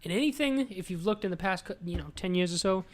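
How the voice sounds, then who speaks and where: A man's voice: high-pitched, animated, fast. A young man co-hosting a casual podcast chat, rambling and earnest, often restarting his thoughts. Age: young adult. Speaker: podcast co-host.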